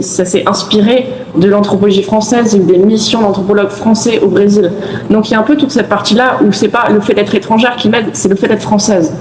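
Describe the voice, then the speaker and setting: A woman's voice: mid-range voice, darkish tone. A young woman from France, a student guest in a casual interview, explaining her views in a reflective, thorough way. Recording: echoey room, faint noise.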